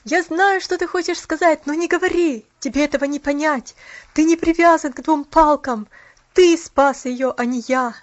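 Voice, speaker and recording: A woman reading aloud, voicing an earnest, emotional young man on crutches who sometimes drops to a hush. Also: high voice, measured pace, no room sound, dull audio. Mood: pained.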